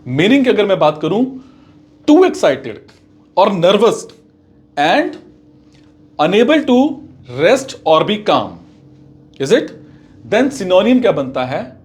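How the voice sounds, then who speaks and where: Slow, deliberate male teacher. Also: high voice, sing-song, darkish tone. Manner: slow, deliberate, repeats words for pronunciation. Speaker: English teacher. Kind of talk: vocabulary lesson.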